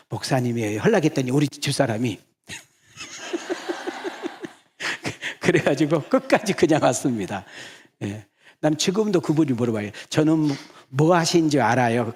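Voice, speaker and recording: A man preaching as senior pastor, telling stories and calling out to the congregation in a lively way. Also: medium pitch, husky. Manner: animated, calls out to the congregation and acts out quoted lines. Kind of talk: sermon with storytelling. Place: church sanctuary.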